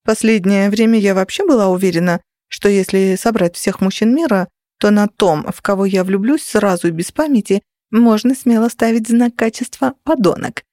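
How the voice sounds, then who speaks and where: A woman's voice: medium pitch, normal speed, hardly any pauses, dark tone, dry recording, clean studio sound. Wry woman reading first-person fiction. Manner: wry, self-mocking storytelling. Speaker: audiobook reader. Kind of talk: first-person novel narration.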